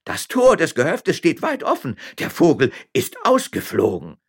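Man doing a frightened servant guy, slow and high and flustered. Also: wildly swooping pitch, vocal fry, husky, full character voice. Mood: alarmed.

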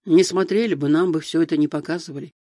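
A man voicing a kind, earnest older teacher, speaking gently in an audiobook. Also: on the high side, fast, no room sound, clean studio sound, lightly acted. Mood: gentle.

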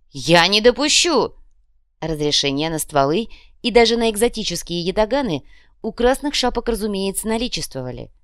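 A woman narrating an audiobook in an even, measured storytelling manner. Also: medium pitch, dry recording, studio quality. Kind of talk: scripted narration.

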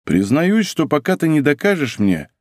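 A male narrator voicing a hot-headed young nobleman in a storybook, proud and quick to anger. The voice swings lively in pitch, recorded dry and close. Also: no room sound. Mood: proud, wry.

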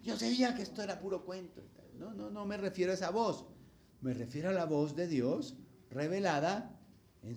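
A man preaching a sermon as pastor, speaking, asking his congregation questions and acting out the voices of the people in his examples. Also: fairly high pitch. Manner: animated preaching, acts out quoted voices, asks the congregation questions.

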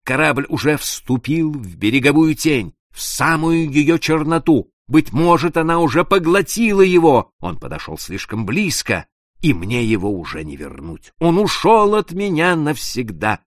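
A man reading a tense sea story aloud as narrator, measured and dropping to a hush at tense moments. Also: medium pitch, very animated, no echo, studio quality. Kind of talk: dramatic audiobook narration.

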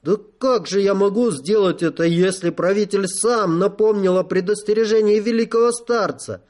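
A man voicing a gentle, worried female nurse with a soft, pleading manner. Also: high-pitched, normal speed, pitched above the performer's own voice, close to an everyday voice.

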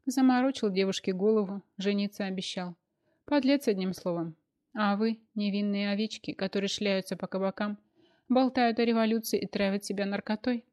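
Woman playing a young man, cold, calm, harsh, contemptuous, audiobook. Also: mid-range voice, moderate pace, natural voice. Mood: scornful. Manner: calm, cutting, scornful.

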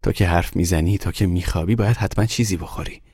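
A man's voice: deep voice, darkish tone, breathy edge, no echo, clean studio sound. A man voicing a poor young boy who hawks a doll in the snow, eager and pleading. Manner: pleading, eager street hawking. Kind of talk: audiobook character voice.

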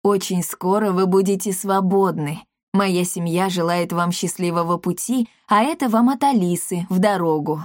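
A woman voicing a calm, kindly old grandfather in a storybook reading, close to her own voice. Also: on the low side, normal speed, hardly any pauses, no room sound, natural voice.

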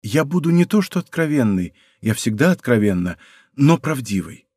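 Brief: male reader doing a proud young princess for an audiobook; quiet, composed, mid-pitched, close and dry. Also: slightly rough, dry recording. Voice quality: soft, hushed. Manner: calm, deliberate and quietly firm. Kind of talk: audiobook character voice.

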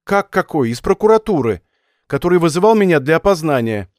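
A man's voice: a little high, sing-song, fairly quick, a little mellow, no echo, studio quality, voice pushed up. A man reading an audiobook voices a stubborn, superstitious young woman student, talking in a raised, pleading, headstrong way. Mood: insistent.

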